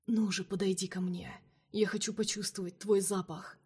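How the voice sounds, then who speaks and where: A woman's voice: mid-range voice, level tone, normal speed, slightly rough. A woman doing a velvety vampire king. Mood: seductive. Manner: soft, velvety, coaxing. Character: cunning, seductive captive vampire king, male.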